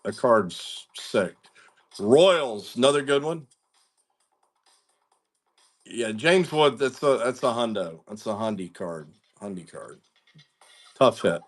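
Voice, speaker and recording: A man's voice: mid-range voice, lively intonation, slow, pauses often, soft background music. A man hosting a live card-breaking stream, chatting casually in slang and greeting viewers by name. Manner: laid-back, slangy, talks to viewers by name. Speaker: card-breaking livestream host.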